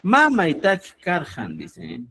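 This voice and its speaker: A man's voice: sits high, huge pitch swings, pushed and bright, a little hiss or hum. A man teaching a grammar lesson, explaining step by step and checking in often with his students. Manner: explains slowly, checks in with a frequent "¿ya?"; addresses listeners as "estimados amigos". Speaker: Quechua teacher.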